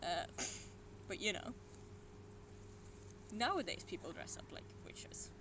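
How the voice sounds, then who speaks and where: This Swedish-accented young adult livestreams alone from home, rambling in a casual way and slipping in whispered and muttered asides. Mid-range in pitch, the voice has a sing-song lilt and a slow pace, over a noisy room background.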